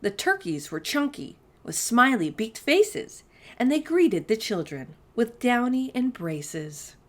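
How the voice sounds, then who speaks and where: Reading aloud to little kids with plenty of expression, this host talks to her audience directly. Her slightly high voice rises and falls dramatically, and she takes her time.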